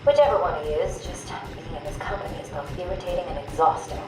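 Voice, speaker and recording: Woman doing a tired clinical asylum doctor, lowish voice, echoey with loud music. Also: lively intonation, natural voice. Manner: measured, clinical, reading notes into a tape. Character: composed weary female asylum psychiatrist. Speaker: psychiatrist doctor. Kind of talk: video game voice acting, taped patient interviews.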